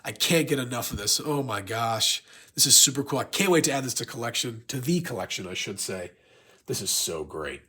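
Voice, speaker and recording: Male unboxing reviewer, congested and sick, husky, blocked-nose sound, chatty rambling fan enthusiasm. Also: medium pitch, animated, a little fast, pushed and bright. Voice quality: congested, stuffy-nosed. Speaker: YouTube toy collector and reviewer.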